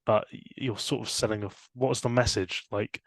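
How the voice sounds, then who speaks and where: A young man co-hosting a casual podcast chat, animated and laughing often. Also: moderate pace, no room sound. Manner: animated, laughs often, rising pitch when excited. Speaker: podcast co-host.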